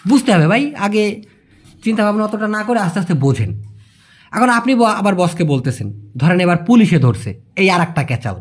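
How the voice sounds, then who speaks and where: A man with a Bangladeshi Bengali accent teaches a language lesson. He explains slowly, repeats each example and calls his listeners brother. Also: sits high, big pitch swings. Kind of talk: language lesson for migrant workers.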